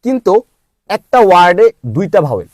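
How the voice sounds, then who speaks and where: A man teaching English pronunciation, spelling out letters slowly before saying each word. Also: sits high, very animated, dry recording, clean studio sound. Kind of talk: slow spelled-out phonics lesson.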